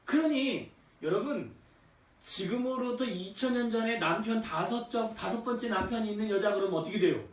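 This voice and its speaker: A man's voice: high-pitched, lively intonation, brisk. A male pastor giving a conversational sermon, often asking the congregation rhetorical questions. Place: church sanctuary. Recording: echoey church, distant from mic.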